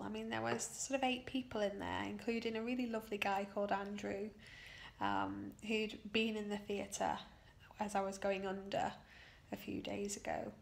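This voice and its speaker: Worn out from her operation, a British woman recounts what happened in a video diary, speaking haltingly and with emotion while leaning hard on certain words. Her voice is medium-pitched, with vocal fry.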